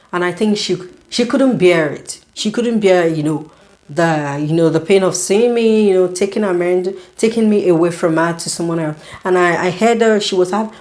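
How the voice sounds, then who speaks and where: A young adult woman, a student nurse, tells a story in a casual vlog with a fairly low voice. She sounds animated and indignant, saying "you know" a lot.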